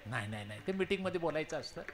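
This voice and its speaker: A man's voice: sits high, lively intonation, a little fast, very noisy, voice pushed up. A man doing a trembling, stammering woodcutter. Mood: panicked. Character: terrified village woodcutter man, meek.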